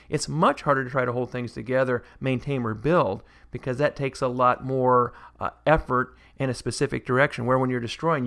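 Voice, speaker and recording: A man's voice: mid-range voice, a bit bright. A man co-hosting a casual podcast discussion, explaining his views and dropping dry, joking asides. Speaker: podcast co-host.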